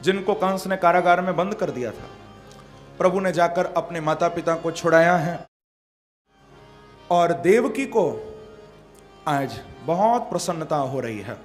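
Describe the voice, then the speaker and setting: Guy doing a bhagwat katha, pretty high voice, little tabla behind. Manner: dramatic storytelling, acting out voices in quotes. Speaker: kathavachak, Bhagavat storyteller. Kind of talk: devotional katha sermon with sung couplets.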